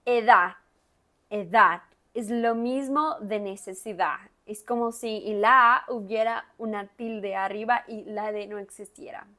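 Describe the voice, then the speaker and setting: Slow, deliberate woman Spanish teacher. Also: mid-range voice, fairly even intonation, sharp tone. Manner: repeats words slowly and stresses sounds hard. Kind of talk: guided reading lesson with pronunciation drills.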